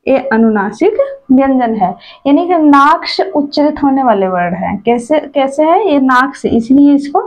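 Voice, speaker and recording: Woman teacher, slow and deliberate, reciting letters one by one in a dull lo-fi recording. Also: high-pitched. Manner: asks questions then answers them herself. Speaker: Hindi grammar teacher. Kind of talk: exam-prep lesson.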